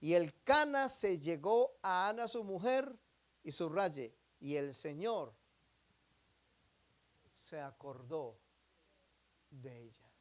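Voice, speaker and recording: A man preaching a sermon, often asking the congregation questions, shifting between emphatic loud phrases and quiet asides. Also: fairly high pitch, animated, slow, pauses often. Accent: Latin American Spanish. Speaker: pastor.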